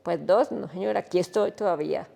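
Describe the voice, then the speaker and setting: A woman, a podcast guest telling a personal story in an animated, emotional way. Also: on the low side, fairly quick, vocal fry, in a large hall.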